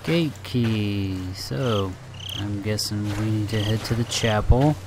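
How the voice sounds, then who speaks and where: A man's voice: lowish voice, takes it slowly, noisy background. A man commentating as he plays a horror game, talking to himself with jumpy, nervous exclamations. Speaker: gamer playing a horror game. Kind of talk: let's play commentary.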